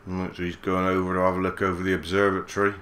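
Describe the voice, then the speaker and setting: Male let's player, deep monotone voice, laid-back musing. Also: fast talker, a little hiss or hum. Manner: relaxed musing, mild swearing. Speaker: gaming channel host. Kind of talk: let's play commentary.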